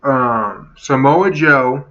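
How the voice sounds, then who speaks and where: A man's voice: medium pitch, drawn-out words, dull audio. A man talking in a casual opinion vlog, rambling, swearing freely and correcting himself as he goes. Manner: rambling, profane, self-correcting. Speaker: wrestling and gaming vlogger.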